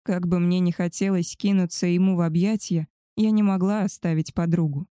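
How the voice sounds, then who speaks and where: A woman narrating a first-person story aloud in a calm, even reading style. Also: fairly low pitch, fairly quick, clean tone, no room sound, studio quality. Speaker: audiobook narrator.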